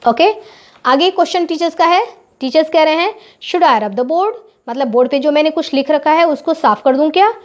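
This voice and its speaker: A woman teacher explaining classroom English to children in Hindi, saying each English phrase slowly and clearly. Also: high-pitched. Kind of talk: spoken English lesson for children. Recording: dull, lo-fi recording.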